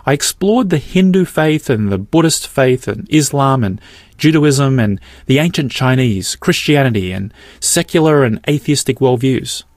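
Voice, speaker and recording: A man's voice: mid-range voice, lively intonation, moderate pace, darkish tone, dry recording. Earnest man narrating a podcast. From Australia. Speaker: podcast host. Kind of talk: scripted narration.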